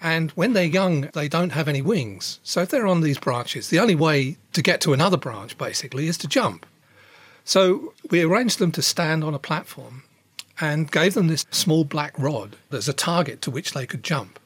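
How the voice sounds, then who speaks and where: A man giving measured expert explanations as an interviewed scientist. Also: fairly high pitch, lively intonation, husky, dry recording.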